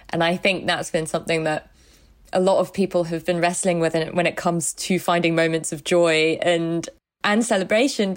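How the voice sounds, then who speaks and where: Woman interviewer, reflective and conversational, slightly low voice.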